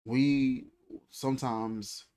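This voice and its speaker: A man's voice: mid-range voice, fairly even intonation, extremely slow, a little mellow. A man in his thirties giving a reflective, conversational faith talk, repeating phrases and speaking in a loose, colloquial way. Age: 30s. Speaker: faith channel host.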